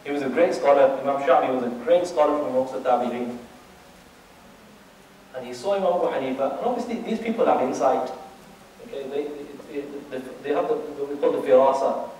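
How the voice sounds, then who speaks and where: A man's voice: mid-range voice, a little fast, a little mellow, slight background noise. A man giving a religious lecture, asking his audience rhetorical questions and often restarting and repeating his words. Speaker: Islamic teacher. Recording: very echoey room, distant mic.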